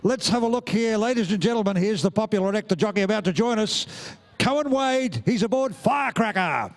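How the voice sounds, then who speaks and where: A middle-aged Australian man calls a live pony race at an outdoor showground, talking into a handheld mic. His voice sits high and bright for a man, and he teases the young riders and rouses the crowd in a jovial, playful way. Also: expressive, fast. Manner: jovial, teasing, crowd-rousing. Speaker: ringside announcer. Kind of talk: live event commentary.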